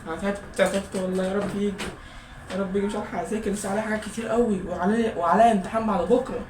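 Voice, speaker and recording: A young man in his late teens with an Egyptian Arabic accent, a high school student doing a comic acted vlog monologue, fretful, pleading and full of exclamations. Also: steady tone, rapid-fire. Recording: echoey room with loud background noise.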